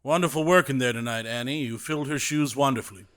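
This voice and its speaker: A man with a medium-pitched, fairly bright and clean voice speaks fast and lightly acted. He's voicing a grandiose, brash theater director in an audio drama, confident and theatrical.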